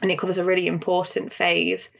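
Woman, Northern English accent, gravelly fry, low pitch, podcast co-host, explanatory. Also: monotone, fairly quick, a bit bright. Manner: articulate, explanatory, frequent fillers. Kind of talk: film discussion podcast.

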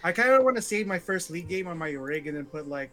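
A young man chatting excitedly and slangily with friends on a podcast, swearing freely. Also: on the high side, fast, crowd noise. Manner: excitable, slangy, swears, puts on a nerdy voice at times. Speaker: podcast co-host. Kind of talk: casual chat among friends.

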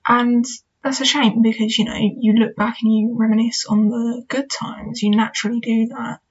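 A woman's voice: fairly high pitch, little pitch movement, normal speed, slightly rough. A young woman talking candidly and reflectively in a casual solo advice chat, peppered with "you know" and "kind of". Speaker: podcast host. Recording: dull lo-fi recording.

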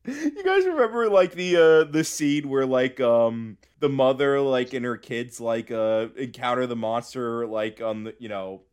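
A man co-hosting a podcast in casual, joking chat, excitable and rambling with lots of fillers. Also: mid-range voice, unhurried, hardly any pauses, smooth. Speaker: podcast co-host.

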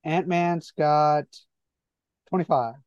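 A man's voice: a little high, takes it slowly, a little mellow, smooth, no room sound, lo-fi sound. A man co-hosting a sports podcast in casual chat, laid-back and reacting to live games. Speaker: podcast co-host.

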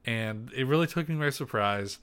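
A man's voice: medium pitch, expressive, moderate pace, a bit bright, clean tone. A man co-hosting a podcast, chatting casually and rambling with lots of fillers, restarts and laughs. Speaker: podcast co-host. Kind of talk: casual chat.

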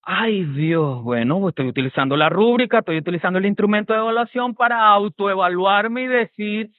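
A man's voice: sits high, fairly quick, no room sound. Male pastor, raised voice, preaching a sermon full of rhetorical questions; dry, tinny, phone-like recording. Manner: peppers talk with rhetorical questions and tag checks.

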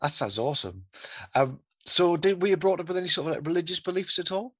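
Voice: medium pitch, lively intonation, fast, fairly bright tone, husky, no room sound. A podcast host asking curious, encouraging questions in a casual interview.

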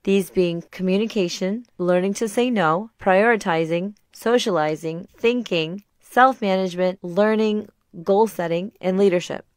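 A middle-aged woman hosting a podcast. She reads a scripted talk in a calm, measured way, and a sore throat leaves her voice slightly raspy. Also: medium pitch, no room sound, studio quality. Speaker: podcast host.

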